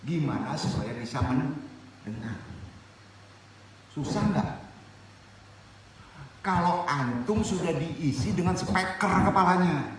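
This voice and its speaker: A man's voice: on the high side, expressive, slow, pauses often, a little hiss or hum. A man from Indonesia teaching a religious study circle, who asks his listeners questions and then answers them himself. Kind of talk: lively spoken sermon. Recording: echoey room, voice from a distance.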